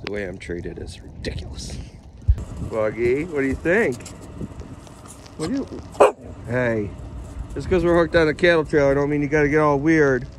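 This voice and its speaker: A man's voice: on the high side, animated, moderate pace, pauses often, background noise. A man in his thirties, a farm vlogger, joking and teasing in casual chat from his truck and a snowy lot, recorded on a phone.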